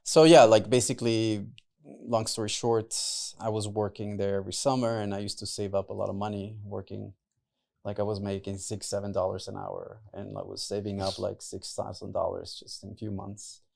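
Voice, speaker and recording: A young man from Mexico and the US, a native Spanish speaker, is a podcast guest in a loose, casual interview, peppering his talk with "like" and "right?" His voice is lowish and a little mellow, with vocal fry, a flat delivery, and a normal speed.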